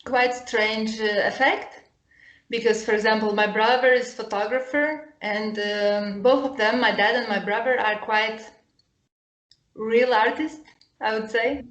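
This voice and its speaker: A woman of thirty from Lithuania, a guest chatting casually over a call and often pausing to search for English words. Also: a little high, fairly even intonation, fairly bright tone. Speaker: guest, upcycling designer and potter. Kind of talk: casual chat. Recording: roomy echoey sound.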